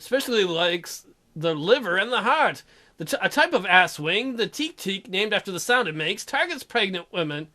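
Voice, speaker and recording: In this let's play, a high-sitting male voice reads through a dating sim at an ordinary pace. Between lines of dialogue he cracks crude jokes, voicing each character differently with lots of animated, playful energy.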